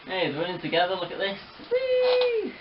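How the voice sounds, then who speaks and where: A man's voice: mid-range voice, a little fast, echoey room, highs cut off, slight background noise. A man chatting about his model trains, sometimes breaking into playful race-caller bursts. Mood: excited commentary. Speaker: model railway hobbyist. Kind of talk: casual chat with bursts of mock race commentary.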